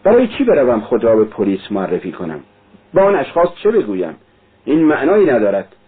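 A feverish, tormented young man, as a male reader voices him, talking in a raised, agitated voice. His tone is husky, and the recording sounds thin and lo-fi, like an old radio. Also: medium pitch, huge pitch swings. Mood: bitter.

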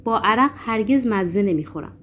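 A woman voicing a mysterious foreign gentleman with a foreign accent, who speaks calmly, politely and with quiet mockery. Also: medium pitch, slight background noise, close to an everyday voice. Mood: calm, sly. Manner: calm, polite, quietly mocking. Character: mysterious foreign gentleman, calm, serious, sly.

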